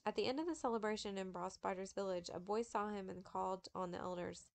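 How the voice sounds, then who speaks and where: Woman reading a memoir aloud, steady and measured, gravelly fry, mid pitch. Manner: steady, measured, with occasional slips. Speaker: audiobook reader.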